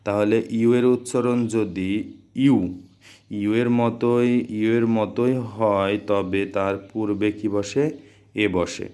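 A man's voice: fairly low pitch, flat delivery, takes it slowly, mellow, smooth. A man teaching a grammar lesson, who keeps asking questions and answering them himself.

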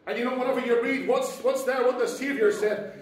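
High-voiced Northern Irish preacher, echoey hall. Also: male voice, fairly even intonation, brisk, recorded from a distance. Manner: impassioned, swings between soft asides and shouted exclamations. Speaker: pastor. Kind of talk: fiery Pentecostal sermon. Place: church hall.

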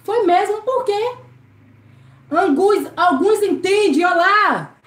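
Taking it slowly, a Brazilian woman with a very high-pitched, expressive, slightly bright voice hosts a relaxed live stream while she cleans. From her home's service area she reads comments and names her viewers. The recording echoes and carries faint noise.

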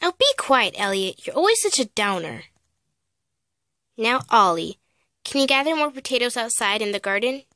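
A woman's voice: a little high, sing-song, moderate pace, pauses often, sharp tone, dry recording. A woman voicing a strict, secretive mother who turns scolding and commanding. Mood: fond.

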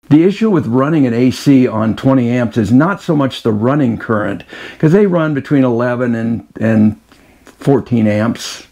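A man's voice: mid-range voice, a little mellow. A man in his sixties co-hosting an RV vlog, explaining technical details step by step from inside an RV kitchen on a lapel mic. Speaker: RV vlogger co-host. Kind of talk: casual explainer chat.

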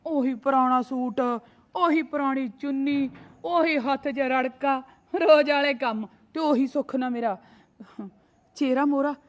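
A proud, sharp-tongued young wife, played by a woman, high-voiced and fond of scolding in sayings. She is defiant toward her sly sister-in-law. The sound is dull and lo-fi. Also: steady tone, unhurried. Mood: teasing. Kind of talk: short family drama.

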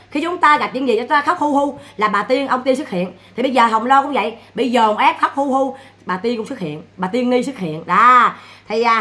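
Lively bright-voiced woman. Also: a little high. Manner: animated, chatty, scolding with repeated exclamations. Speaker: vlogger. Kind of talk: casual livestream chat.

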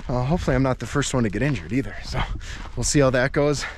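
A fast-talking man in his thirties with a mid-range voice jokes upbeat as he walks along a rocky riverside path, talking to a handheld camera held at arm's length. It's a casual travel vlog, with slight background noise.

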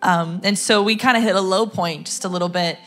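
A woman's voice: mid-range voice, brisk, a bit bright, soft background music. A young adult woman and singer sharing a personal testimony in church in a chatty, conversational way with lots of fillers.

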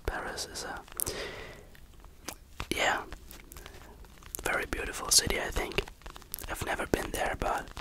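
Close to the microphone, an ASMR creator whispers answers to questions in English, halting and searching for words. The audio is poor.

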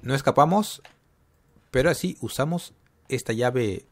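A man's voice: medium pitch, expressive, measured pace. A man giving casual gameplay commentary, talking to himself and getting jumpy and scared as he plays. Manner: jumpy, talks to himself while playing.

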